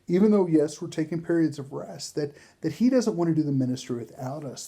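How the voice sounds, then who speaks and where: A man's voice: on the high side, dark tone, husky. A man teaching a Bible study, reading verses aloud and acting out the dialogue in a conversational way.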